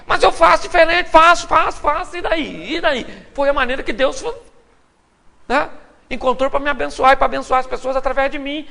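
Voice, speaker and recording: A man's voice: very high-pitched, normal speed, vocal fry. A Brazilian Portuguese-accented man preaching a sermon to a live audience, telling stories with humor and acting out the quotes. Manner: humorous, animated storytelling with acted quotes. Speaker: pastor. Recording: live hall recording with long reverb.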